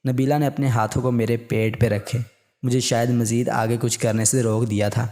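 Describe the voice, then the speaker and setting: A man reads a story aloud in a calm, even way. His voice is mellow and warm, sitting at an ordinary male pitch. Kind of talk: scripted narration of a story.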